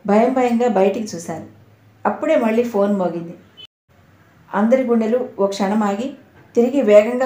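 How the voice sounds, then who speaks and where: A woman reading a suspense novel aloud as a steady storyteller, in a roomy echo. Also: mid-range voice. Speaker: audio novel narrator. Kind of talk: scripted narration.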